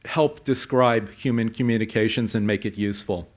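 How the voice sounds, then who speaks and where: A man presenting a conference talk, explaining with a measured pace and frequent fillers. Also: fairly low pitch. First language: English. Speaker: conference speaker. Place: conference hall.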